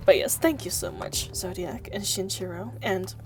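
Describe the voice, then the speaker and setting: With music in the background, a female streamer with a medium-pitched voice talks at a moderate pace during a chatty game livestream. She giggles, teases viewers with mock scolding, thanks them and reads the story text out loud.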